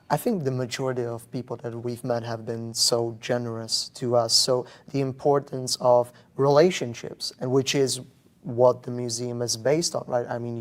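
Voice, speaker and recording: A young man from the Czech Republic, a native Czech speaker, answers interview questions in a steady, flat tone. He searches for words, repeating and restarting phrases as he thinks aloud. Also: medium pitch. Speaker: guest, museum visitor. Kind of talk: casual interview.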